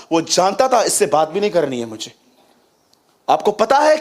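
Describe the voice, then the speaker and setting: A man delivers a sermon in a fairly high voice. He keeps turning to the congregation with questions and leans hard on the scripture he quotes. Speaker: preacher.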